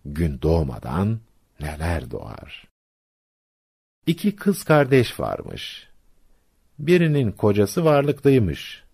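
A man tells folk tales and explains sayings in a scripted, measured radio narration. His voice is very low, gravelly and husky, moving through a wide melodic range at an unhurried pace. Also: darkish tone. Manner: measured, didactic storyteller.

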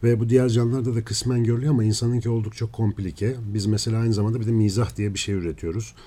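A man speaks as a scientist guest, laying out ideas in steady, lecturing explanations. His voice is very dark and sits a little low. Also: very fast. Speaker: neuroscientist guest. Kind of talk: explanatory radio interview.

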